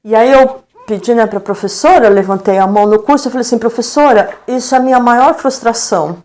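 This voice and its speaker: A middle-aged Brazilian woman talks in a slightly high voice, telling stories as a guest in a live-stream interview. She acts out the lines she quotes and keeps checking in with frequent tag questions. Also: quick pace, a little mellow. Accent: Brazilian Portuguese. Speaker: educator and guest.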